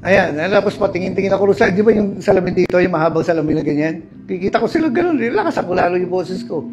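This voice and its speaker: A pastor with a Filipino accent and a voice that sits high preaches a sermon quickly, with music in the background. He tells personal stories animatedly and addresses his listeners as brothers and sisters.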